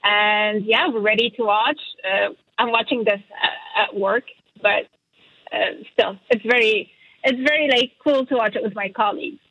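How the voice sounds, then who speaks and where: Woman from Syria, phone-line sound, halting speech, lots of fillers, dry. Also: mid-range voice, a bit bright, husky, dry recording. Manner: halting, filler-heavy, giggly. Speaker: radio show producer. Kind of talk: phone-in radio interview.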